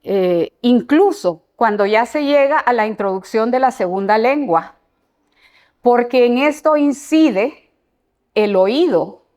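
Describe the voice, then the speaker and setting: A woman's voice: fairly high pitch, expressive, slow pace, a little mellow. An older woman, an educator giving an informal talk to parents and explaining with everyday examples.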